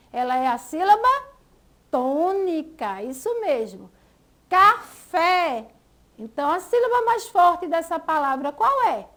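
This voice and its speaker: A Brazilian woman teaching a school lesson, patiently stretching out example words syllable by syllable. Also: high voice. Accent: Brazilian Portuguese.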